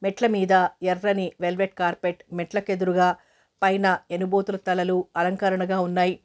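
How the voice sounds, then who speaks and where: A woman narrating an audio novel in a steady, even storytelling manner. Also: fairly low pitch, moderate pace.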